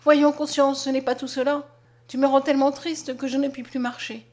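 A woman reads a passionate nineteen-year-old peasant girl from a storybook, pleading and close to tears. The voice is high and ringing, pushed out with feeling. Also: level tone, normal speed, darkish tone, lightly acted. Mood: anguished. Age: young adult. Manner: impassioned, pleading, tearful. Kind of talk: audiobook character reading.

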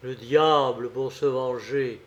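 A man reading a folk tale aloud in a measured, even way. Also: mid-range voice, lo-fi sound. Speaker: narrator. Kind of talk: storybook reading.

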